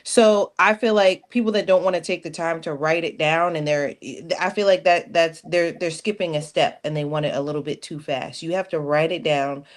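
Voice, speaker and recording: A guest on a livestream talks earnestly and sincerely, reflecting out loud. The delivery is thoughtful and unhurried. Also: medium pitch, fairly even intonation. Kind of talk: casual livestream chat.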